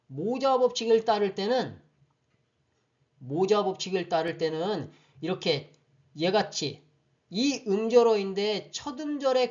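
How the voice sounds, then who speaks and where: A teacher walks through grammar rules in an online lecture, patient and methodical. The voice sits at an ordinary middle pitch and keeps pausing to ask whether listeners understand. The recording sounds a little dull and lo-fi. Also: a little mellow. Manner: patient, explanatory, often checks understanding with questions.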